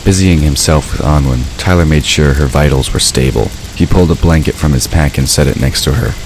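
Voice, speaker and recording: A man narrates a scripted audio drama in a rumbling low voice with a darkish tone, moving fairly quickly. Ambient sound effects play behind him, and the background ambience comes through clearly.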